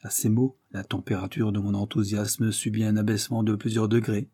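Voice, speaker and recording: A man narrating a classic novel as an audiobook with steady storytelling. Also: fairly low pitch, a little fast, husky, no echo, clean studio sound.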